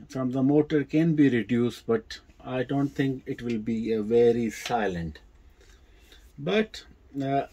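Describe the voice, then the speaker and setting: A man with a non-native English accent and a mid-range, dark-toned voice presents vintage audio equipment videos. His demonstration is casual and unscripted, halting and hesitant, with repeated words.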